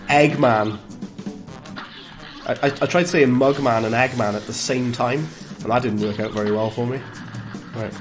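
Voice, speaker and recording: A man with a Welsh accent streams a game live, greeting viewers, answering chat, and reacting aloud in a relaxed, chatty way. His voice sits at an ordinary middle pitch, and he speaks at a normal speed with frequent pauses. Game music plays faintly in the background.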